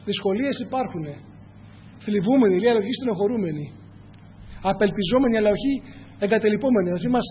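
A man preaching a sermon, speaking earnestly, often addressing his listeners as brothers and asking rhetorical questions. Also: high-pitched. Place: church hall. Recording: echoey hall, dull lo-fi, faint hum.

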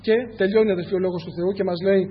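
A man with a high, steady voice preaches earnestly in a church hall, frequently calling his audience brothers and asking rhetorical questions. The sound is echoey, lo-fi and dull, with a faint hum.

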